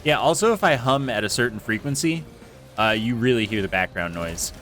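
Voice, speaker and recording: In a casual gameplay stream, a man with a medium-pitched, sing-song, slightly bright voice chats briskly into a close desk mic with a foam screen. He's in a home room with an air conditioner, rambling and joking at his own expense with plenty of fillers, while soft music plays.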